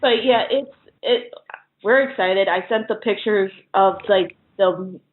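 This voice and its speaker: In a casual interview chat, the horror filmmaker speaks a little slowly with a medium-pitched voice. She laughs frequently and comes across as giggly. Her voice reaches us over a thin, narrow, phone-like line.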